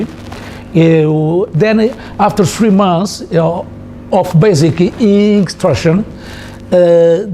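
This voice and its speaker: A man from Angola with an Angolan Portuguese accent, a native Portuguese speaker, recalling his life in halting, repetitive English as he searches for words. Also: high-pitched, mellow, a little hiss or hum. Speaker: interviewee, former soldier. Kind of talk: personal recollection in an interview.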